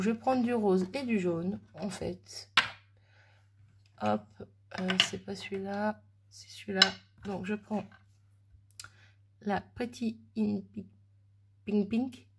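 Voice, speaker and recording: In a home craft room with an oven running in the background, a woman with a mid-range, slightly mellow voice chats casually while demonstrating a mixed-media art project. She thinks aloud as she works and pokes fun at herself in this relaxed tutorial narration. A little hiss or hum can be heard on the recording.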